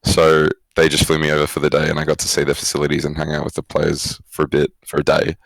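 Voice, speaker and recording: Talking fast in a monotone bass voice with vocal fry, this young Australian former pro player turned esports coach fields interview questions as a guest, thoughtful and relaxed, reworking his phrasing mid-answer. The audio is poor, though there's no echo.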